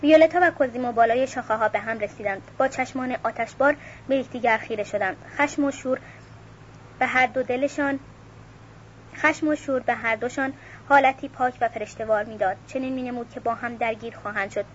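Woman narrating an audiobook, muffled. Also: a little high. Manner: steady, measured, with occasional self-corrections. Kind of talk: audiobook reading. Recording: muffled with faint hiss.

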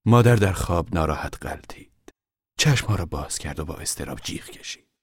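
A man narrating a novel in a calm, measured way, often sinking to a hush. His voice is very low. The recording is dry and close. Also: slightly rough, dry recording. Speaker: audiobook narrator.

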